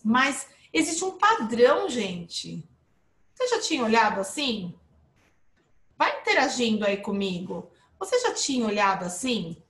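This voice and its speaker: Lively woman teacher, high and animated, live online lesson, echoey room. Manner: lively, explains with rising and falling emphasis, checks in with viewers. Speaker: English teacher.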